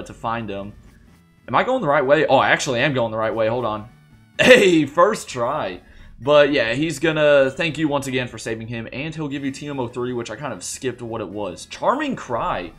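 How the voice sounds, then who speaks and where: A man's voice: mid-range voice, a bit bright. A young man hosting a gaming channel, chatting loosely through a let's play in a groggy morning voice, rambling with lots of fillers and restarts. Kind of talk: casual let's play commentary. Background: faint game music.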